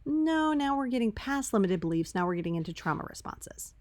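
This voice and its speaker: A woman's voice: on the high side, sing-song, a little fast, a little mellow. A woman hosting a podcast in casual, conversational solo talk, recorded on a laptop's built-in microphone that sounds tinny. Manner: chatty, conversational, rhetorical check-ins. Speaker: podcast host. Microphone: laptop microphone, with headphones on.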